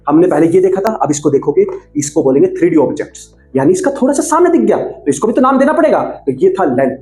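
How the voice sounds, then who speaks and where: A man teaching maths in a casual, animated way, asking questions and then answering them himself. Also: high voice. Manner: animated, asks and answers his own questions. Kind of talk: casual classroom explanation. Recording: echoey room with faint music.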